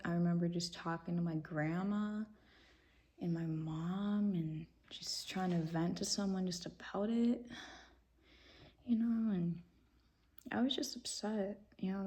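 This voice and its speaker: A young woman tells a personal story to her vlog audience at an unhurried pace. Her voice is dark and mellow with a gravelly fry running through it. She rambles casually with fillers and lets out nervous giggles. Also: on the low side, steady tone. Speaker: vlogger.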